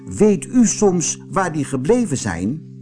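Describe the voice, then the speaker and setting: A man voicing a brave, eager young boy in a raised, excited voice. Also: on the high side, a little slow, soft background music, voice pushed up.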